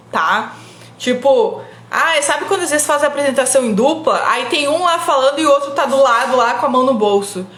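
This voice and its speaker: High-voiced chatty woman, echoey room. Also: a bit bright, a little hiss or hum. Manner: chatty, frequent "tá?" tag questions, laughs often. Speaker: host of a career and public speaking live stream. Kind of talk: casual live stream advice.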